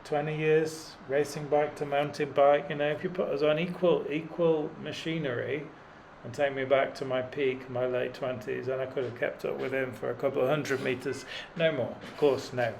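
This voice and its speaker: A man's voice: mid-range voice, moderate pace, vocal fry, darkish tone, slight background noise, rough recording. A middle-aged man talking in a dry, self-deprecating way with many fillers while cycling up a mountain road. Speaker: cycling vlogger. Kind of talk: rambling self-deprecating commentary while riding.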